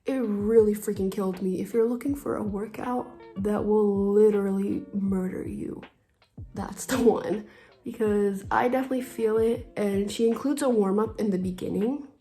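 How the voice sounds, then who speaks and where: A woman's voice: medium pitch, fairly even intonation, normal speed, warm tone, soft background music. Chatty young woman vlogging in an echoey room. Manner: chatty, rambling, self-deprecating asides. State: slightly out of breath. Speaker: beauty vlogger. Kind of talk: casual makeup tutorial chat. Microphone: phone camera.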